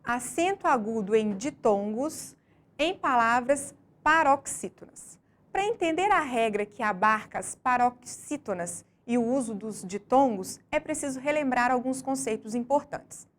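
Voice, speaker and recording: A woman teacher reading a scripted lesson slowly and deliberately, stressing each syllable as she explains. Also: on the high side, lively intonation.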